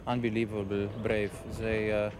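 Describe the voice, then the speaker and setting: A man, speaking haltingly as an eyewitness, full of pauses. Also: lowish voice, little pitch movement, background noise. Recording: interview with loud music under it.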